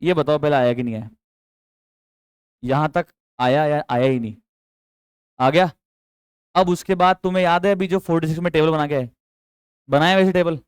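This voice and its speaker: Young male teacher with a high, smooth voice. Chatty coaching tone that keeps drilling students with questions, recorded close and dry. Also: normal speed, pauses often, dry recording. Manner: chatty, coaxing, quizzes students with repeated questions; mixes English terms into speech. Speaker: accountancy teacher. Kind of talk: classroom lecture.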